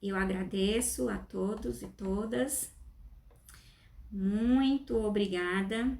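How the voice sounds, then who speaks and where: A woman's voice: medium pitch, slow, creaky, darkish tone. A woman giving a careful, explanatory class presentation. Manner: careful, explanatory, with small restarts. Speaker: student presenter. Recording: echoey room.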